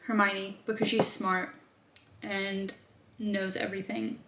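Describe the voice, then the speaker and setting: A woman's voice: medium pitch, little pitch movement, takes it slowly, fairly bright tone, a little hiss or hum. A young woman from Australia, chatting casually as a vlogger and answering viewer questions, thinking aloud with lots of fillers. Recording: roomy echo.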